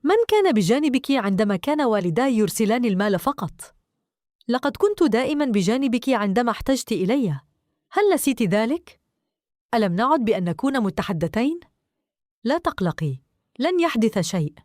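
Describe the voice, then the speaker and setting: A woman's voice: fairly high pitch, very animated, brisk, a little mellow, no echo, studio quality. A woman voicing a secretive older sister, a young woman who answers curtly and dismissively. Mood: pleading. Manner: curt, dismissive.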